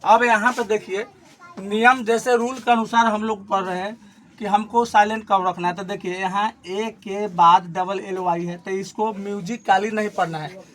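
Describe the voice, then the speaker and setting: A male teacher giving a classroom grammar lesson, explaining slowly and repeating points, asking questions and answering them himself, pointing to a board. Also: sits high, fairly even intonation, fairly bright tone, slight background noise. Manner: repetitive, asks and answers own questions; slow, stressed explanation.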